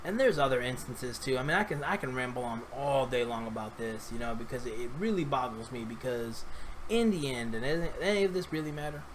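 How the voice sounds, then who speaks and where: Man from New York, mid-pitched, talks straight to camera, opinionated and rambling, with faint room noise behind. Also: fairly quick, low-quality recording. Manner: rambling, repeats and restarts words; earnest, opinionated. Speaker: vlogger. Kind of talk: casual rambling commentary.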